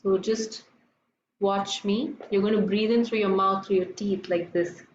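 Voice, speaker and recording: A woman instructing a yoga breathing class in a gentle, soothing, unhurried murmur, guiding people to relax. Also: medium pitch, steady tone. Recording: echoey room, dull lo-fi, faint noise.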